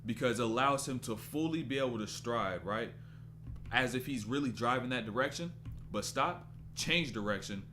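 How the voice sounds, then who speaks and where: With music softly playing behind him, a man in his twenties rambles through casual basketball commentary on a live stream, breaking off to reply to chat. His mid-range voice sounds pushed and bright at a moderate pace.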